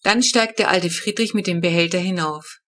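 A woman narrating a children's book with lively, expressive storytelling. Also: fairly low pitch, moderate pace. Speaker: audiobook narrator.

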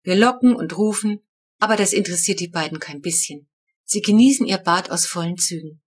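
A woman narrating a children's audiobook in the first person, with a lively, wry telling. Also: lowish voice, a little fast, husky.

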